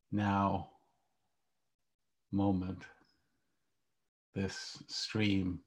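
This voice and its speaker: A meditation teacher, a man with a very low voice, guides a calm grounding exercise. He speaks very slowly in short, hushed phrases, with a gravelly fry and long pauses between them.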